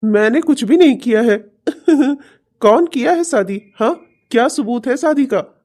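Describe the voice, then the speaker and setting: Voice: mid-range voice, animated, measured pace, a little mellow, lightly acted. A performer voicing a scheming, deceitful young man in a cartoon, mocking and laughing often. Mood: gloating. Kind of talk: cartoon voice acting.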